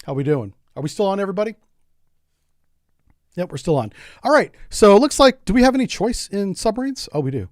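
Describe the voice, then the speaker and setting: A man's voice: high-pitched, big pitch swings, a little fast, long pauses, dry recording, studio quality. A middle-aged man from the United States streaming a game in a casual, rambling, joking way, often repeating words as he goes. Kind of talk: casual gameplay commentary.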